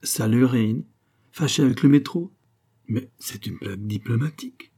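Narrator playing a jovial, nosy colleague. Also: male voice, medium pitch, animated, moderate pace, dark tone. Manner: jovial, teasing. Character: chatty, nosy male office colleague.

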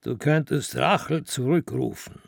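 A man's voice: mid-range voice, measured pace, creaky, slightly rough, no echo, clean studio sound, full character voice. A man reading the part of a sly, scheming old father, smug and insinuating.

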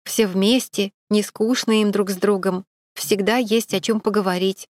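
A woman's voice: mid-range voice, steady tone, moderate pace, darkish tone, no echo, studio quality, natural voice. Woman reading as a rueful divorced woman. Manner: frank, rueful confiding. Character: divorced woman confiding a husband's betrayal. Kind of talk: audiobook dialogue.

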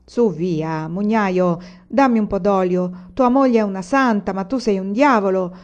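A woman's voice: medium pitch, a little slow, dull audio, lightly acted. Woman playing a brash, mocking village woman. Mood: taunting. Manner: scolding, loud and taunting.

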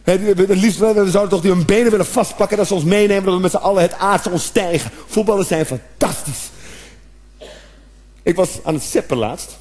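High-voiced Dutch-speaking comedian, animated. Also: male voice, fast talker, hardly any pauses. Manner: animated, shouting outbursts and acted-out noises. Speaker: stand-up comedian. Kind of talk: stand-up comedy routine.

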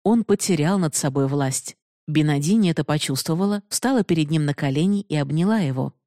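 A woman narrating a novel in a steady, measured reading style. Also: deep voice, no room sound, clean studio sound. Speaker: audiobook narrator. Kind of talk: scripted narration.

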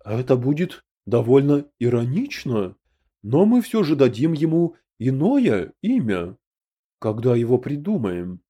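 A man's voice: mid-range voice, sing-song, measured pace, warm tone. A male narrator voicing a portly, principled human emperor who speaks of himself as "we" in an audiobook. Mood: dignified.

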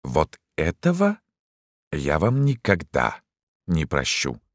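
A man's voice: fairly low pitch, very animated, measured pace, dry recording, studio quality, voice pushed up. A man voicing a small, fussy, grey-bearded old doctor in an audiobook, petulant and absent-minded. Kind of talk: audiobook character voice.

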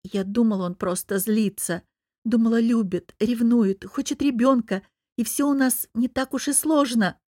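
A woman's voice: moderate pace, a little mellow, no echo, clean studio sound, close to an everyday voice. A woman voicing a heartbroken young wife who cries and wails as she speaks, in an audiobook. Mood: tearful. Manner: wailing, high and strained. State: crying.

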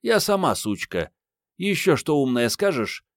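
Young woman, bold and mocking, sharp tongue, pitched well up; read by a man in an audiobook. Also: very animated, a little slow, dry recording, clean studio sound. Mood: teasing. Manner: mocking, bold, coarse banter. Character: brash, sassy young woman, crude and teasing.

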